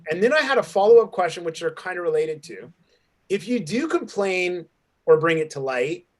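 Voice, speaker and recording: A man's voice: high-pitched, expressive, moderate pace. A man hosting an online panel discussion as an acting program director, speaking thoughtfully and restarting sentences as he forms his questions. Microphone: video call.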